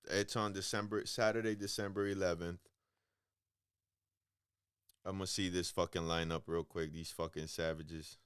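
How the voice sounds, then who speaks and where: A man with a low, smooth voice hosts a casual podcast on his own. He rambles, swears freely and fills the gaps with ums and bro. The sound is dry and close, with no room around him. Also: little pitch movement, normal speed, pauses often, fairly bright tone, no room sound. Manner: profane, rambling, calls listeners bro; loose, hesitant delivery with many ums. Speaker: podcast host.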